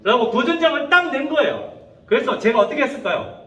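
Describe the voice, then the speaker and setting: Animated pastor preaching in an echoey hall. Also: male voice, very high voice, a little fast. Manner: animated storytelling, acting out quoted voices. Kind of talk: sermon to youth. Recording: echoey room, voice from a distance.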